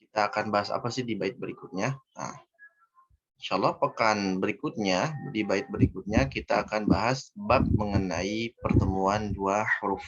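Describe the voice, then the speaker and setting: A man's voice: lowish voice, steady tone, normal speed, breathy edge. Male recitation teacher, patient step-by-step explainer, slightly muffled online call audio. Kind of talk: online tajwid lesson. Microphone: video call.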